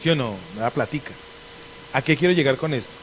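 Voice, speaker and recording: A middle-aged pastor, a man from Colombia with an Antioquian accent, preaching a lively sermon and acting out conversations in different voices. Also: medium pitch, fast, slight background noise. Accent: Antioquian Colombian Spanish.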